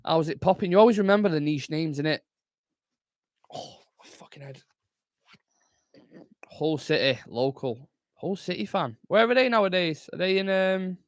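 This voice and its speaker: A man's voice: on the high side, dry recording. Brief: young man, fan-channel host, loose sweary live chat, dry close-mic sound. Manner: casual, chatty, swears freely, reads chat aloud. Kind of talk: live football watchalong chat.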